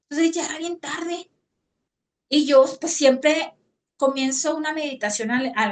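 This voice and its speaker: High-voiced Mexican woman telling a story. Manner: animated, frequent tag questions and fillers. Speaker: podcast guest. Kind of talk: personal storytelling in conversation.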